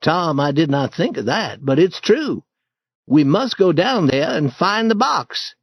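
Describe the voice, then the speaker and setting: A man's voice: on the high side, very animated, unhurried, husky, dry recording, pitched above the performer's own voice, heavily acted. A man voicing a timid, easily frightened boy in a storybook reading, speaking hesitantly with stammers. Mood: nervous. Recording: dull dry lo-fi recording.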